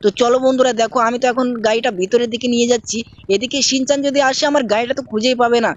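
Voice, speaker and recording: A woman's voice: fairly high pitch, steady tone, racing, lo-fi sound. A woman narrating a mobile game video in a casual, chatty way, talking straight to her viewers. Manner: chatty, addresses viewers directly. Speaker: gameplay narrator. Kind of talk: casual game commentary with character voices.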